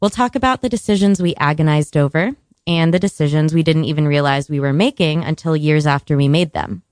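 A woman radio host speaks in a slightly low voice, informal and chatty as she leads the conversation. The recording is close and very dry, with almost no room sound. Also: a little fast, darkish tone, no echo.

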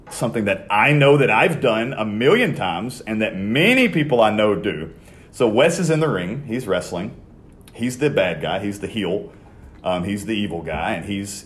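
A young man hosting a podcast, talking in a casual, conversational way with many fillers and restarts. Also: sits low. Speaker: podcast host.

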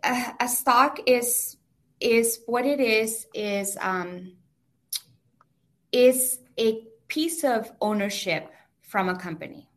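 Slow and fairly high-pitched, a woman with a heavy Mexican Spanish accent, a native speaker, explains finances patiently, one step at a time, as a guest in an interview.

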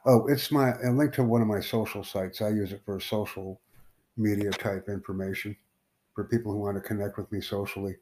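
A man from the United States hosts a casual live stream, talking with strangers he meets online. His voice sits low and sounds mellow and dark. He rambles and halts, leaning on fillers as he goes. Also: steady tone. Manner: rambling, halting, with many fillers. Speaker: livestream host.

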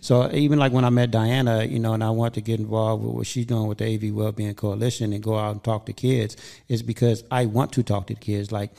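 Gravelly male podcast host, open and reflective. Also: on the low side, level tone, a little fast, hardly any pauses, dark tone. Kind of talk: casual podcast conversation.

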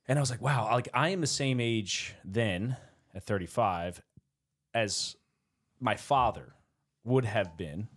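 A man's voice: on the low side, takes it slowly. A man in his mid-thirties co-hosting a podcast, rambling through casual chat, laughing often and swearing loosely. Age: 30s. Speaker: podcast co-host.

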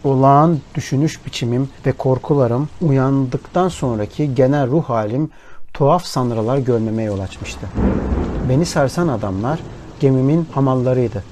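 Man narrating a dark tale over rain. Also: mid-range voice, slight background noise. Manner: measured, grave first-person storytelling. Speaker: audiobook narrator. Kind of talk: scripted literary narration. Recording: rain and thunder ambience under voice. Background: rain and thunderstorm sound bed.

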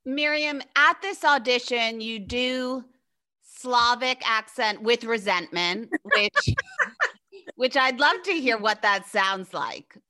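A woman's voice: on the high side, expressive, slow pace, bright, forceful tone. A woman hosting an interview, asking curious questions and laughing along. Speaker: host.

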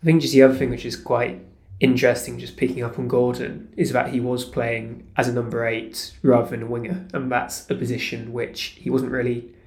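A man analysing a football match on a podcast in a measured way. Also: medium pitch, little pitch movement, darkish tone. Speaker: football pundit. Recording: roomy echo.

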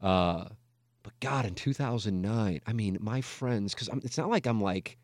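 A radio talk show host from Missouri in the United States, in his forties, talks candidly and casually, rambling, reflecting, running himself down, and swearing often. His voice is on the low side and darkish, animated yet measured in pace. The studio-quality recording has no echo.

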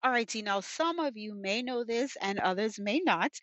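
The recording is muffled as a young woman, from the U.S. and partly raised in Jamaica, hosts her faith podcast at a moderate pace. Her voice is fairly high, a bit bright, with lively intonation. She prays fervently with repeated thanks and mentions of "God," then chats and tells personal stories, using "you know" a lot.

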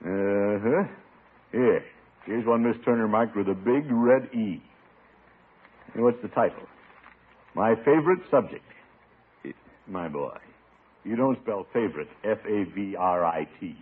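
An actor playing a pompous, soft-hearted middle-aged uncle in a 1950s radio sitcom, with blustery, theatrical delivery. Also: male voice, fairly low pitch, a little slow, long pauses, slightly rough. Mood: mock stern. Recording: tinny, noisy old radio broadcast.

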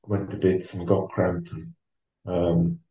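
Male guest, low mellow voice, unhurried anecdotes, full of ums. Roomy, slightly distant, lo-fi recording. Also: little pitch movement. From North East England. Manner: measured, with many ums and restarts. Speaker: interview guest, former marathon runner. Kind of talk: relaxed storytelling. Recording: dull, roomy sound from off the mic.

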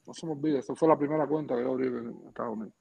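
A middle-aged man with a Cuban accent, a former pitcher telling anecdotes casually in an interview, slangy and lively, acting out the dialogue. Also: very fast, creaky, breathy edge. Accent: Cuban Spanish. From Cuba. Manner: lively storyteller, slangy asides, acts out dialogue. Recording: muffled lo-fi podcast audio.

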